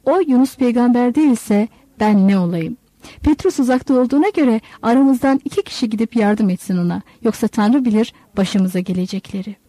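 A woman's voice: fairly high pitch, fairly quick, mellow, no room sound, close to an everyday voice. A woman voicing a crafty, bossy old male fisherman who sweet-talks and gives orders. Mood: alarmed. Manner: sly, bossy, sweet-talking.

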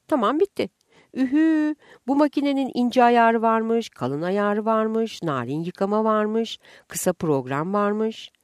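A flustered village wife, put on by a woman, protests in a raised voice with rural speech. Her voice leaps about in pitch. The recording is dry. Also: darkish tone, no echo.

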